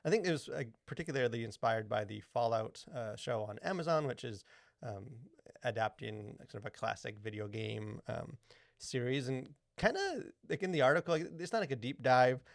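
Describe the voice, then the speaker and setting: A podcast co-host rambles through a casual chat, filling it with "like" and "you know." His mid-range, gravelly voice is expressive and moderately paced, captured in a dry, studio-quality recording.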